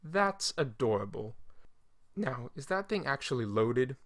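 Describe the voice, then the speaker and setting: A man's voice: mid-range voice, big pitch swings, measured pace, a bit bright, no echo. A man playing a sarcastic, dry-humored wasteland scavenger. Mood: wry.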